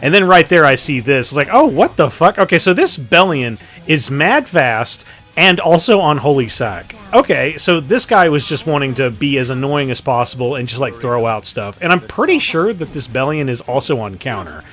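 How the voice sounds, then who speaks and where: A man's voice: mid-range voice, expressive, normal speed, fairly bright tone, faint music behind. A man giving casual, joking commentary over his game matches, swearing freely. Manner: profane, joking, offhand. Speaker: gaming commentator.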